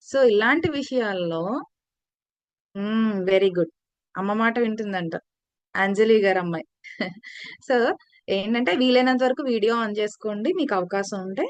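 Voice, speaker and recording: A woman teaches children over a video call, her voice sitting a little high. She tells a story with animation and stops to ask the class questions. The sound is dry, with no room around it. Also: moderate pace, pauses often, no echo.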